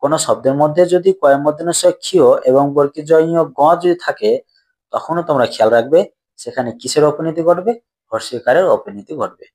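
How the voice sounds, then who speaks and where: A man with a voice pitched a little above the usual talks through a grammar lesson, step by step. He keeps putting questions to his students and answering them himself, going over each point twice. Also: a little fast, a little mellow, husky. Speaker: teacher.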